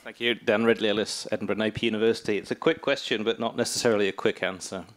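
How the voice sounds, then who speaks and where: A man's voice: on the low side, steady tone, racing, fairly bright tone. A man in the audience asking a panel a question in a wry way, ending on a joke.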